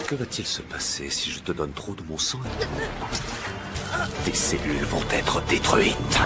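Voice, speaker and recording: A man with a French accent from France playing an immortal, haughty demon dark lord in an anime dub, imperious and threatening. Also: extremely low pitch. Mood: haughty menace.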